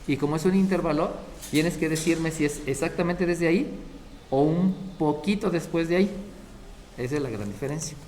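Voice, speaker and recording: A man's voice: fairly high pitch, normal speed, darkish tone, slight background noise. Man teaching math aloud. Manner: explains step by step, often checking the class with short questions. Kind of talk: classroom math lecture.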